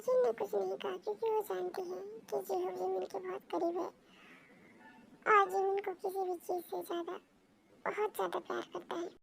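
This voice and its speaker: A woman reading a fan story aloud as narrator, in soft, steady narration. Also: very high voice, normal speed, creaky. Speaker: story reader.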